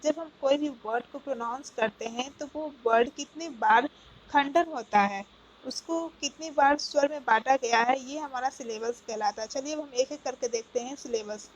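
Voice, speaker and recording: Woman, high voice, patient step-by-step teacher, keeps checking understanding. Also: moderate pace, dull audio, slight background noise. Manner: explains step by step, often checking with "ok, got it?". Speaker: English teacher. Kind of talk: classroom grammar lesson.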